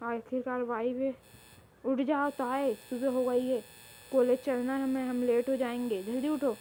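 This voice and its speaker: A woman's voice: high-pitched, flat delivery, unhurried, mellow, slight background noise, rough recording. A woman voicing a teasing, protective young man who scolds his best friend in a spoken fan story. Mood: bossy. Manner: scolding, bossy.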